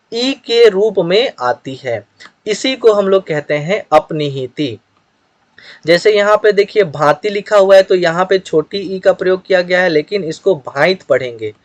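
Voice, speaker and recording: Male teacher, high voice, dry close sound; steady explainer working through examples on a page. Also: dry recording. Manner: steady explanatory delivery with examples, occasional throat clearing. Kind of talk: grammar lesson explaining a written page.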